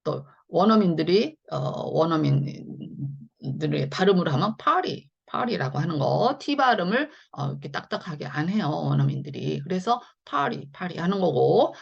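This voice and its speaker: A woman's voice: deep voice, expressive, moderate pace, gravelly, darkish tone, slightly rough. Woman doing a phonics lesson, chatty, kinda dull lo-fi sound, voice bounces around a lot. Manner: chatty, repeats "자" and "네" often, explains step by step. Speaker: English phonics teacher. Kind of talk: explanatory online lesson.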